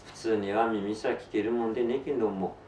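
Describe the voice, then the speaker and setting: A man's voice in a roomy, distant recording with some hiss tells a tale in thick Tsugaru dialect. He delivers it theatrically, stretching phrases out and lifting into cries at a middling pitch. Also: steady tone, fairly quick, darkish tone. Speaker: storyteller. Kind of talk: dramatic storytelling recitation in dialect.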